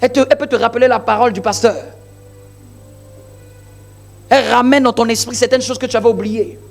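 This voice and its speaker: A man's voice: very high voice, fairly even intonation, racing, creaky, faint music behind. A male pastor delivering a sermon in an emphatic, repetitive preaching style full of rhetorical questions.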